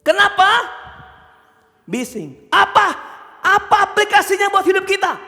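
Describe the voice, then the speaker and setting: High-voiced shouting preacher in a church hall. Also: male voice, unhurried, faint music behind. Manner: animated, shouting story characters, asks the congregation questions. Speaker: pastor. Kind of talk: sermon with acted-out stories.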